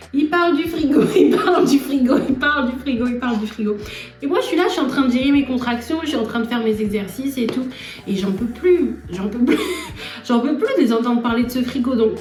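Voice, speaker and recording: A young woman vlogger telling a personal story in an animated, laughing way. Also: on the high side. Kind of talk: storytelling vlog. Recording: echoey room from far off, faint music.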